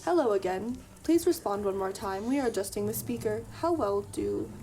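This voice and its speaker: A woman's voice: mid-range voice, lively intonation, normal speed, noisy background, lightly acted. A woman voicing unseen future beings who speak formally, with odd inflections. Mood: calm formal.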